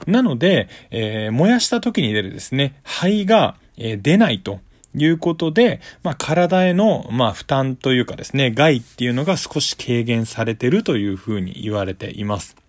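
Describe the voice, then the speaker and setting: A man's voice: medium pitch, sing-song, normal speed, few pauses, dry recording. A man giving a casual, polite explanatory monologue as a solo host, going step by step in simple terms. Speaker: solo talk show host.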